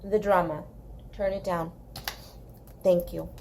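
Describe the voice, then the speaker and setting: A woman with a slight Southern California Valley accent and a dry, slightly gravelly voice with some vocal fry, chatting casually and emphatically as she hosts a coloring tutorial. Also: lowish voice, fairly even intonation, slow. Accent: Southern Californian, slight Valley girl. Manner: informal, emphatic, repeats herself for emphasis. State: dry throat. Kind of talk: casual, chatty craft commentary. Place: indoors at a craft desk. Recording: clear background noise.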